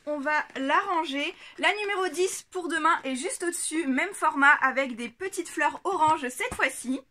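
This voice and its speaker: A woman vlogger chatting casually to a camera on a tripod, giggling often and filling pauses with lots of hesitations. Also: high-pitched, bright, forceful tone. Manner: chatty, giggly, many fillers. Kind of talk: casual unboxing chat.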